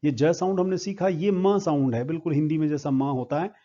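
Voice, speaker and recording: A man's voice: fairly high pitch, fairly even intonation, fairly quick, dark tone, lo-fi sound. A man teaching English phonetic symbols, spelling each word out sound by sound. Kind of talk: phonetics lesson at a board.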